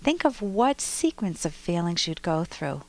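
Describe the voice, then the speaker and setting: A woman hosting a radio call-in advice show as a psychologist, telling a story in an animated way and acting out a child's voice. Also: fairly low pitch, unhurried. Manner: animated storytelling, acts out a toddler's voice.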